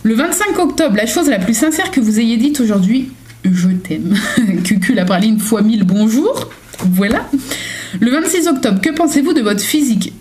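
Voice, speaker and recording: A woman's voice: a little high, expressive, normal speed, darkish tone. Chatty young woman vlogging from home. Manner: chatty, self-mocking, many fillers and restarts. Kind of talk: casual chat, answering a journal's daily questions.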